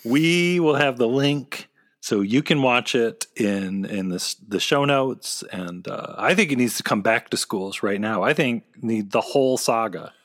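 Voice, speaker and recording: A man's voice: medium pitch, unhurried, a bit bright, dry recording, clean studio sound. Man co-hosting a casual fan podcast. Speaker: podcast co-host.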